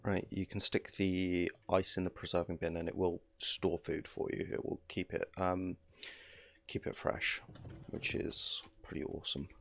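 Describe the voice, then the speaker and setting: Male streamer, 30s, deep with vocal fry; loose, filler-heavy, relaxed chat at a home desk mic. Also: unhurried, a little hiss or hum. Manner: rambling, filler-heavy, easygoing. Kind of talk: casual gameplay commentary.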